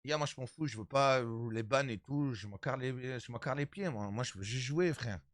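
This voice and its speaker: A man of thirty-five chatting casually with his stream viewers, animated and repetitive, calling them his brothers. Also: mid-range voice, fairly quick, no room sound, studio quality. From Italian background. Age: 30s.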